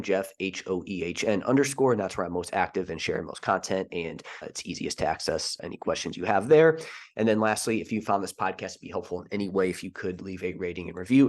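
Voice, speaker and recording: Casting note: man in his thirties, low voice, brisk casual podcast host, rambling with fillers. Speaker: podcast host and fitness coach. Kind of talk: solo podcast monologue.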